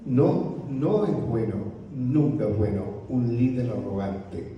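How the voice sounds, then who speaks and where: A male pastor with a Rioplatense Spanish accent teaching on leadership in a church, speaking softly and slowly, often ending phrases with a questioning "right?". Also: medium pitch, sing-song, lo-fi sound, slight background noise. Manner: slow, unhurried delivery with frequent "¿no?" tags; softly spoken. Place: church hall. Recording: roomy hall audio from a distance.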